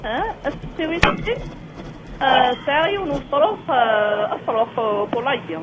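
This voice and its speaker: A woman phoning in to a radio show, talking haltingly with many fillers. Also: high-pitched. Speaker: caller. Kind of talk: phone call to a radio show. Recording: dull line with loud hiss.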